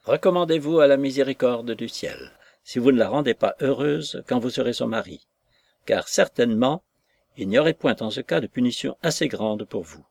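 A man's voice: mid-range voice, expressive, normal speed, gravelly, a little mellow, dry recording. A man reading aloud and voicing a chattering, indignant lady's maid in a raised, prattling voice. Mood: indignant gossip.

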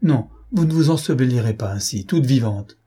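A man's voice: mid-range voice, expressive, moderate pace, dark tone, slightly rough. A man reading aloud and voicing a devoted older governess who pleads in a trembling voice. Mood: imploring. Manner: trembling, imploring.

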